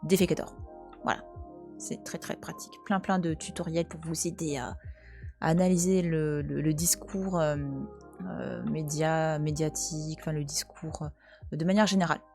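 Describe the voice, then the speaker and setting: This French Twitch streamer in her thirties speaks in a deep, steady, somewhat mellow voice at a moderate pace, with soft music in the background. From home, with a cat nearby, she casually teases and answers her chat.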